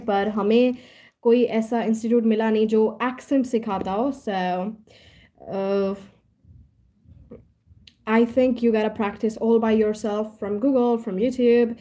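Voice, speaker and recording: A woman's voice: a little high, warm tone. A young woman with an Indian accent answering viewer questions in a casual livestream, mixing Hindi and English. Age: young adult. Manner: mixes Hindi and English, switching mid-sentence. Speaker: young motivational speaker answering live comments. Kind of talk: casual live Q&A, reading out viewer comments.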